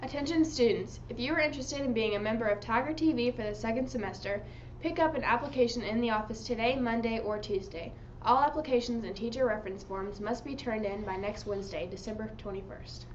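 A female student announcer reads the morning notices in a steady, scripted way, her fairly high voice sounding like a school announcement broadcast. The sound is dull and lo-fi, with a faint hiss underneath. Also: a little fast.

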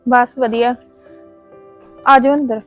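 Give me a Punjabi-accented woman with a high voice, speaking curtly, music faint in the background. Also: fairly even intonation, takes it slowly, lo-fi sound. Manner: curt, resentful. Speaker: sister-in-law. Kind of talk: Punjabi family drama acting.

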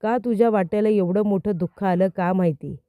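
A caring young woman speaks with affection and a fierce protective streak, read out by a female narrator. Her voice is dark and mellow, and the recording is dry. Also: mid-range voice, brisk, clear, resonant tone, no echo, natural voice.

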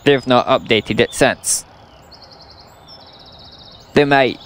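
A young Scottish man, a native English speaker and gaming YouTuber, rants bluntly and sarcastically about a farming game while commenting on his play. His mid-range voice is a little bright, and he draws out his words.

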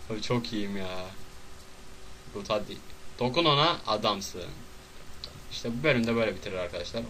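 Excitable young man yelling at a game. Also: on the low side, a little hiss or hum, low-quality recording. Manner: loud, excitable, swearing, yelps and shouts at the game. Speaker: gameplay video host. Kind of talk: casual gameplay commentary. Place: at home at a desk.

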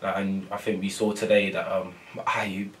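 This young adult footballer answers post-match questions in a press room before a sponsor board, sitting far from the mic. His voice stays low, level and soft, and he takes his time, filling gaps with ums and saying things twice.

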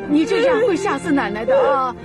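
A woman's voice: high-pitched, very animated, brisk. Fussing old grandmother. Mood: doting, soothing. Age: older. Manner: coaxing, full of sighs and fillers. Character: doting elderly grandmother, stubborn and fussy. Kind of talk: TV drama acting. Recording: TV drama with loud background music.

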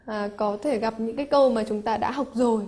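A woman's voice: fairly high pitch, brisk, warm tone. A woman with a Hanoi accent teaching English prepositions for an exam, explaining step by step and often asking if her students follow. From Vietnam. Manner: explains step by step, asks rhetorical checks. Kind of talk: exam-prep grammar lesson.

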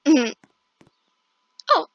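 A woman's voice: very slow, fairly bright tone, no room sound. A woman giving casual gameplay commentary, chatting and reacting aloud to herself as she plays, on a slightly lo-fi recording. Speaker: gaming video host.

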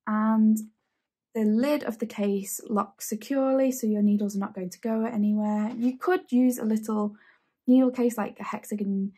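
A woman's voice: fairly high pitch, steady tone, moderate pace, warm tone. A woman in her thirties hosting a casual sewing tutorial from her home sewing room, chatty and enthusiastic. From England. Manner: chatty, enthusiastic, repeats phrases. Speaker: sewing channel host.

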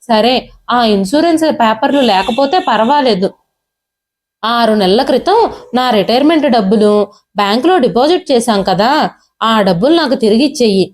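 A woman's voice: a little high, lively intonation, normal speed. A woman storyteller voicing a retired old father who pleads tearfully with his son. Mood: pleading.

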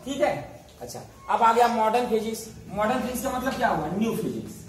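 A man's voice: sits high, expressive, fast talker. A man teaching a school science lesson in a classroom. He repeatedly asks questions and answers them himself, drilling each key term. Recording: very echoey room, voice far off, faint hiss.

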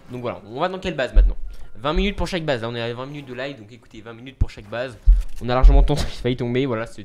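A young man live-streaming a video game, chatting casually, mocking himself and thanking viewers as he plays. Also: medium pitch.

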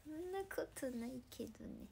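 Brief: young woman streamer, playful and chatty, slightly high voice, soft murmured asides, faint background noise. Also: expressive, moderate pace, gravelly. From Ibaraki, Japan. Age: 20s. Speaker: idol livestream host. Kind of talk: casual livestream chat.

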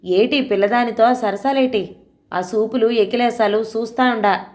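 A stern middle-aged village aunt lashes out in blunt, scolding words, voiced by a woman reader. She is sharp-tongued and fiercely protective in this audio storybook. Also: a little high, measured pace, lightly acted.

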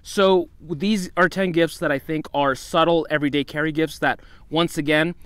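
A man's voice: on the high side, fairly bright tone, clean tone, dry recording. Chatty young man reviewing gear outdoors. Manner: chatty, repeats "once again" and "you know". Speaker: outdoor channel host. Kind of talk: casual gear review vlog. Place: outdoors in the desert.

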